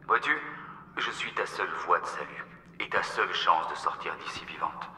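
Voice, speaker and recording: A man's voice: low-pitched, moderate pace, pushed and bright, echoey room, big-room sound, slight background noise. An actor playing a menacing, messianic villain in a film drama, preaching grandly to the woman he is obsessed with. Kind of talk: dubbed film drama monologue.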